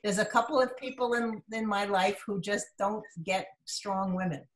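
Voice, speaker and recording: A woman's voice: mid-range voice, normal speed, rough recording. An older woman at her retirement video call, talking in an emotional, affectionate way. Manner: effusive, affectionate. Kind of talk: emotional casual chat.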